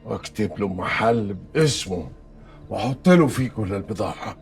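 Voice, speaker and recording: A man's voice: fairly low pitch, expressive, a little fast, faint music behind. A man with an Egyptian accent playing a stubborn, ailing family patriarch in a film drama. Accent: Egyptian Arabic. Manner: stubborn, then groaning in pain.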